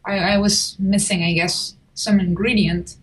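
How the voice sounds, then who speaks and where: A woman's voice: medium pitch, steady tone, a little slow, a little hiss or hum, low-quality recording. Chatty woman. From Chile. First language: Spanish. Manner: chatty, with frequent restarts and small laughs. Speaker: guest. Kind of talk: casual interview.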